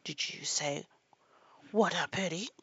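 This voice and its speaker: A woman voicing an anxious, timid male storybook rabbit in a hushed, whispery, frightened voice. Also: on the low side, slightly rough, no echo, highs cut off, full character voice. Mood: timid whisper. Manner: hurried, frightened, stammering.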